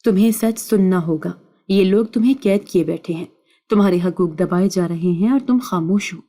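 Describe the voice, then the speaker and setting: Give me a persistent young man who pleads earnestly, read by a woman telling a story. His voice is dark and even. He presses his case again and again. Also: on the low side, close to an everyday voice. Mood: insistent. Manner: earnest, insistent.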